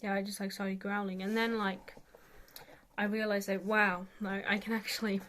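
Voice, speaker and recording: A woman's voice: mid-range voice, little pitch movement, normal speed, a bit bright, slight background noise. A woman giving a casual, rambling tutorial as an amateur vocalist, hesitant and self-deprecating, saying "like" very often.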